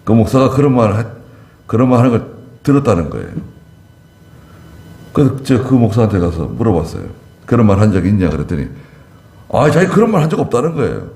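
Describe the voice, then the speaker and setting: A man's voice: fairly low pitch, very animated, a little fast, vocal fry, pauses often, dark tone, roomy sound. A male pastor preaching a conversational sermon, acting out short dialogues in a church.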